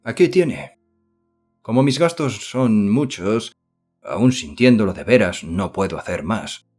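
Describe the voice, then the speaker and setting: A man voicing a self-important middle-aged gentleman who speaks formally and condescendingly in an audiobook. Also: on the low side, animated, takes it slowly, soft background music.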